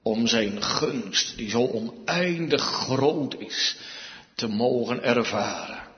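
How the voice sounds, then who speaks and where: Slow, emphatic preacher in a reverberant church. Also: male voice. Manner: slow, emphatic preaching with wide swings in pitch and loudness. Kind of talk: sermon. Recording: dull sound with long reverb, church hall.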